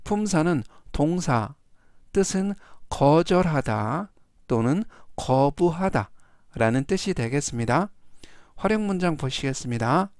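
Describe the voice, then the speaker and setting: A man teaching vocabulary at a deliberately slow pace, his voice smooth and resonant. He drills each word patiently three times before explaining it. The sound is dry and close, with no room echo. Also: on the high side, animated, a little mellow. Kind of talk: slow, methodical vocabulary lesson.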